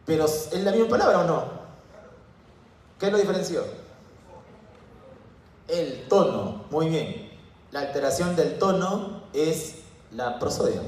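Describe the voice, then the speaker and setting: A man's voice: a little high, a little mellow, recorded from a distance. Lecturing man in a very echoey room. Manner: asks students questions and answers them himself. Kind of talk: university lecture. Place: classroom.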